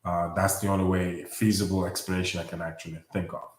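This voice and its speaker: A man's voice: low voice, flat delivery, fast talker, reverberant, recorded from a distance. A man vlogging earnest, rambling warnings straight to his viewers. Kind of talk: casual spoken warning update.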